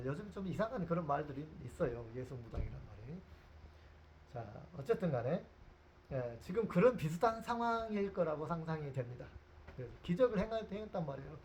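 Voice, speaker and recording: A male pastor delivering a lively storytelling sermon, his voice sitting a little high for a man. He acts out the scene and keeps asking the congregation questions. A faint hiss of background noise hangs under the recording.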